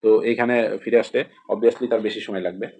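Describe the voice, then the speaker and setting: Fast-talking Bangladeshi tutor, husky and low. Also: male voice, fairly even intonation, mellow. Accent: Bangladeshi Bengali. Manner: rambling, repeats and spells out words, many fillers. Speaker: exam prep tutor. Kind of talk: casual explanatory lesson.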